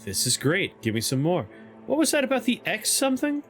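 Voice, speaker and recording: A man's voice: sits high, wildly swooping pitch, a little fast, a bit bright. A man livestreaming a game, chatting casually and reading options aloud as he plays. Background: faint game music.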